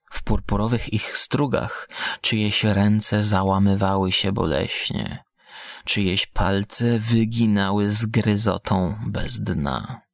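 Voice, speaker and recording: Slow, measured male narrator. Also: fairly low pitch, dry recording. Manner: measured, deliberate. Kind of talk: scripted audiobook narration.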